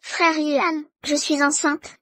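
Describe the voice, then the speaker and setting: A scheming adulterous noblewoman in a French drama dub. She speaks high and slowly in a coaxing tone. The sound is dry and close. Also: little pitch movement, a bit bright, dry recording. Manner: pleading, coaxing. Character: scheming unfaithful noble wife, pregnant.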